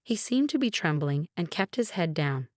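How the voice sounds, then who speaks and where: A woman narrating a first-person story in a calm, even, scripted way. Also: lowish voice, moderate pace, no room sound, clean studio sound.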